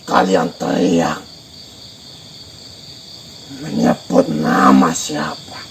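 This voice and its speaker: A man voicing a male guardian spirit of a place who questions the visitors slowly and sternly. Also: very deep voice, fairly even intonation, vocal fry, a crowd in the background, exaggerated voice. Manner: slow, commanding, interrogating. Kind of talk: spirit-possession role-play.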